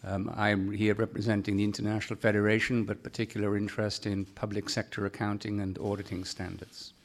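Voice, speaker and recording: Low, flat-voiced man. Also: a little fast. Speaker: meeting participant. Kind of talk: self-introduction at a round-table meeting.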